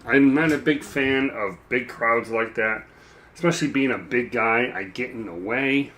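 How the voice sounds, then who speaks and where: A man chatting casually while he paints a miniature, rambling and self-deprecating, with a dry, froggy throat that he keeps clearing. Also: mid-range voice, moderate pace, sharp tone, a little hiss or hum. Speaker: mini painting streamer.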